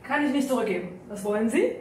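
A haughty rich man answers curtly and with disdain, read by a woman at a live staged reading. The voice sits fairly high and sounds far off in a large echoey hall. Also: expressive, fast talker, a little mellow, slight background noise, close to an everyday voice. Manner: curt, disdainful. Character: haughty, dry-humored rich man Hortschleifen.

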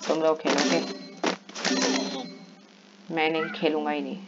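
Guy yelling through his game commentary, dull lo-fi sound with lots of noise. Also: a little high, measured pace. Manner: excitable, yelling and pleading in bursts. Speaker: gaming vlogger. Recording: lo-fi with steady background noise.

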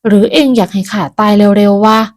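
A woman voicing a stern, cold old grandmother who guards her wealth, speaking in blunt, gruff village talk, slow and deliberate. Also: medium pitch, darkish tone, lightly acted.

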